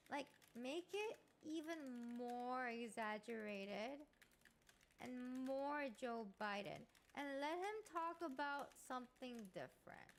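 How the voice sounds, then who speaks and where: Young girl streamer, high voice, slow playful chatter, giggles a lot. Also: a little hiss or hum. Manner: giggly, playful, thinking out loud. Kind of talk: casual live-stream chat.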